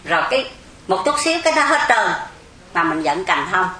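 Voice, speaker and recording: A woman's voice: fairly low pitch, sing-song, brisk, pushed and bright. A woman gives a Zen dharma talk, explaining patiently and asking the audience rhetorical questions. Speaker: Buddhist Zen teacher. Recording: echoey room, faint background hum.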